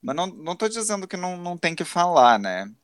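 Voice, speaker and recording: A man's voice: sits high, very animated, quick pace, clear, resonant tone, no echo, studio quality. A man in his thirties with a Brazilian accent, co-hosting a casual podcast chat. He is reflective and self-critical, and he often restarts his sentences. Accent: Brazilian Portuguese. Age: 30s.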